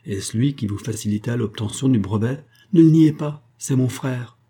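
A man's voice: medium pitch, normal speed, dark tone, breathy edge, close to an everyday voice. A man reading a fervent young woman. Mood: earnest.

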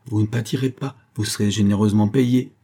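A cold, calculating wealthy man, read by a man with a low, husky voice. He speaks in a dry, clipped, commanding way, as in an audiobook. The tone is warm and mellow rather than sharp. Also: fairly even intonation, fairly quick. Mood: cold, curt.

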